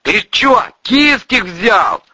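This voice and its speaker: Man playing yelling thug guards, high strained voice, crude, breathy, dull dry sound. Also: sing-song, drawn-out words, dry recording, exaggerated voice. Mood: hostile. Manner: yelling coarse threats. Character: rough male bandit sentries, hostile.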